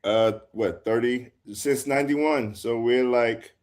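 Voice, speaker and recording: A man's voice: medium pitch, takes it slowly, noisy background. A man in his fifties, a guest producer telling stories in an easygoing, casual interview chat. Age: 50s.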